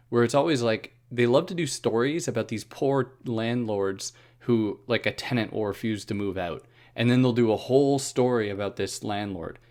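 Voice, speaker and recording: A man with a fairly low voice hosts a philosophy podcast, walking through a book in a relaxed, chatty monologue. He adds wry asides and often restarts his sentences.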